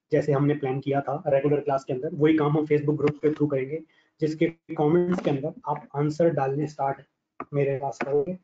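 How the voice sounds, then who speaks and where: A high-pitched male teacher with a slightly hoarse voice gives an online lecture. He is blunt and scolding and calls on his students by name. The recording is echoey and dull, like lo-fi online class audio. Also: warm tone.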